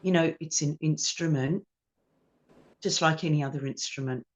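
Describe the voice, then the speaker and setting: A woman with an Australian accent, a ukulele teacher and performer, telling lively anecdotes in an interview and acting out the quotes. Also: low-pitched, normal speed. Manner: animated anecdotes with acted-out quotes. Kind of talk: storytelling in an interview. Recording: dull lo-fi sound.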